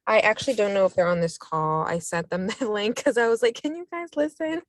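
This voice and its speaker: A woman's voice: mid-range voice, a little fast, dry recording, clean studio sound. A young woman calling in while driving her car, speaking hesitantly with many restarts and ums. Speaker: community meeting participant. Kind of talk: casual discussion on a video call. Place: inside a car.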